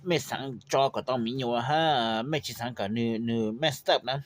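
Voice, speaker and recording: A man giving an informal how-to talk on breeding poultry, unhurried and rambling, with frequent fillers. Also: mid-range voice, no echo. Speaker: poultry breeder explaining his method.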